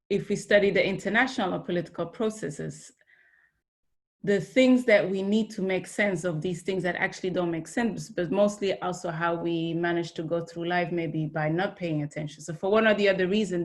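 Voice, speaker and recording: A woman from Belgium speaking as a panelist on an online academic panel, earnest and searching, with restarts and fillers, over a video call. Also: fairly low pitch.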